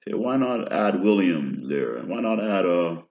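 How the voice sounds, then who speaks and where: This American man, in his thirties, delivers a meandering personal monologue punctuated by frequent "right?" check-ins. His voice sits low and is a little mellow, swinging widely in pitch at a measured pace, captured in a roomy, dull lo-fi recording.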